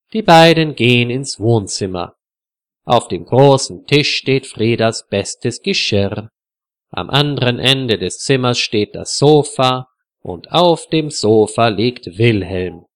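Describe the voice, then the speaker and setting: A man narrating a story slowly and clearly for language learners. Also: mid-range voice, no room sound, studio quality. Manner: clear, measured.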